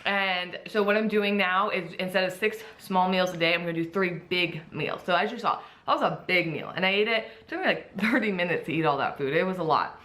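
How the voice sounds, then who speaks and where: Bright-voiced upbeat woman with a slight lisp. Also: on the low side, brisk, few pauses. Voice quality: slight lisp from wearing clear dental aligners. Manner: upbeat, enthusiastic, chatty. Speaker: vlogger, bikini competitor. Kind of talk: casual vlog talk.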